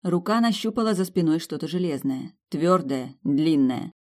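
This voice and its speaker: A woman's voice: deep voice, normal speed. Woman narrating with sardonic bite. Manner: sharp, sardonic storytelling with lively acted asides. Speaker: audiobook narrator. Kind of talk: first-person audiobook narration.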